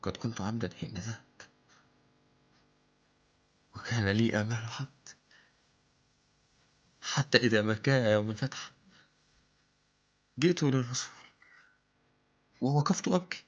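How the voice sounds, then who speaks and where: Male stage actor as remorseful, tormented killer confessing in verse: hammy, declamatory stage monologue, mid-pitched male voice, dull recording. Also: measured pace, pauses often, natural voice. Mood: haunted, hushed. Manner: hammy, declamatory, swinging from hushed to shouted. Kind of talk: theatrical stage monologue in classical Arabic verse.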